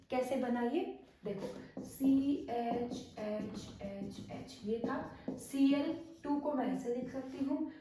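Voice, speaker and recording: A woman's voice: a little high, warm tone. Woman teaching chemistry in an echoey room. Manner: explains step by step, asks questions and answers them herself. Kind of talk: whiteboard lesson. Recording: echoey room, far from the mic, faint noise.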